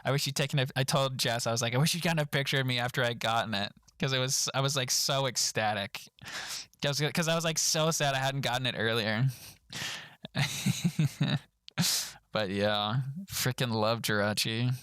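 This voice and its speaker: Young male streamer, casual and animated, bright forward tone, dry close mic. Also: moderate pace, clean tone, no echo. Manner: laughs often, animated storytelling with high-pitched quoted voices. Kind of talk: casual stream chat reviewing trip photos.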